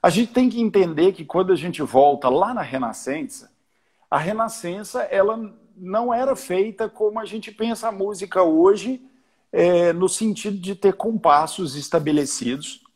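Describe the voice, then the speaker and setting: A man with a Brazilian Portuguese accent talks through music at length, restarting his sentences as he goes. His voice sits fairly high and sounds husky. Now and then he counts out beats to make a point. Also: normal speed, darkish tone. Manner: explains at length with many restarts, sings and counts out examples. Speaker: choir conductor guest. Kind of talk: casual chat on a live stream.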